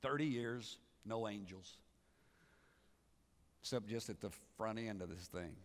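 A pastor preaching a sermon, swinging from loud rising calls to low, quiet endings. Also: male voice, a little slow. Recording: church sermon with long reverb.

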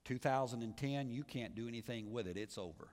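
A pastor preaching a sermon, swinging from loud rising calls to low, quiet endings. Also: male voice, brisk. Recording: church sermon with long reverb.

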